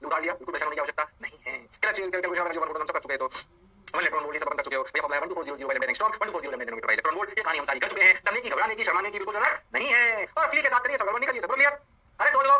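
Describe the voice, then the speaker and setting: A man teaching a physics lecture, animated and playing both sides of a call-and-response with his students. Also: on the high side, racing, slightly rough, low-quality recording. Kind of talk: energetic classroom lecture.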